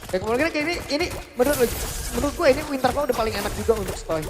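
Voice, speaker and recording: Fast, high-pitched Indonesian man co-commentating esports. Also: expressive. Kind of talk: live co-commentary and analysis of a mobile game match. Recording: echoey hall, loud music behind. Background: music.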